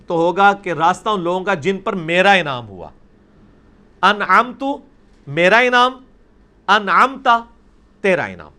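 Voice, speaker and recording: Man, high-pitched, Quran recitation teacher, patient classroom lecture. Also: a bit bright. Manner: explains patiently, with frequent "na ji" check-ins. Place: classroom with a blackboard.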